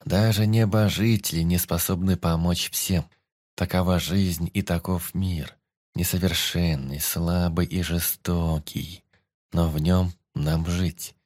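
A man voicing a gentle, wise male celestial being who speaks slowly and soothingly. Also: low-pitched. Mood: gentle consoling. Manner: slow, calm, soothing.

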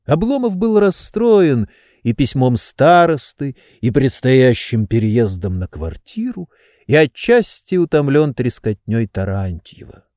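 A man reading a classic novel aloud as an audiobook narrator, in measured, expressive storytelling. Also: mid-range voice, dry recording, studio quality. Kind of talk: scripted literary narration.

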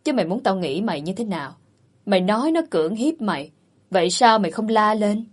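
A woman's voice: mid-range voice, expressive, brisk, natural voice. A woman voicing an older, wealthy matriarch who speaks with cutting contempt. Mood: scornful. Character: older rich matriarch, scornful and sharp.

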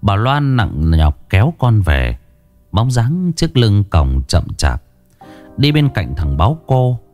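A man narrating a ghost story in a slow, somber, dramatic way. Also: on the low side, very animated, darkish tone, soft background music.

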